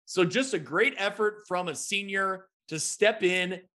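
A man's voice: sits high, measured pace, pushed and bright. A man hosting a casual sports talk show, recapping games and stats in an upbeat, self-deprecating way.

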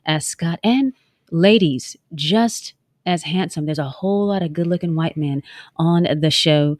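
A woman's voice: lowish voice, unhurried, darkish tone, dry recording, clean studio sound. A woman in her thirties co-hosting a casual talk show, playful and teasing. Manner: playful, teasing, laughing often. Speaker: show co-host.

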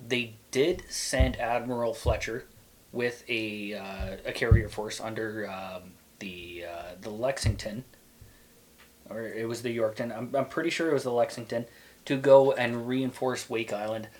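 A man's voice: mid-range voice, fairly even intonation, unhurried. A man from Quebec chatting casually about history on a podcast, rambling along with plenty of fillers and restarts. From Quebec, Canada. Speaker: podcast guest.

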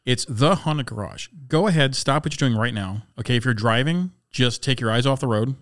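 A man's voice: medium pitch, a little fast, fairly bright tone. A man hosting a paranormal podcast in a jokey, mock-boastful chatting style. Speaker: podcast host. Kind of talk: joking paranormal podcast chat.

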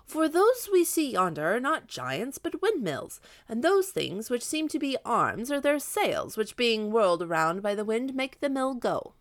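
A woman's voice: on the high side, sing-song, unhurried, hardly any pauses, no room sound, clean studio sound, voice pushed up. A woman voicing a plain-spoken, skeptical male peasant squire who talks bluntly and folksily. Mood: warning.

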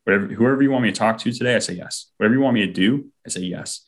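A man's voice: on the low side, very fast. A man telling an earnest personal faith story as an interview guest, often acting out what people said. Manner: heartfelt, often acts out quoted speech.

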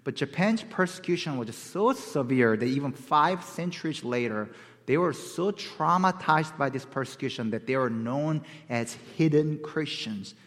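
A man's voice: a little high, expressive, normal speed, a bit bright. A man from South Korea preaching as a guest speaker, in a conversational way that keeps asking his listeners questions. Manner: conversational, asks the audience questions. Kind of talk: sermon. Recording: long hall reverb.

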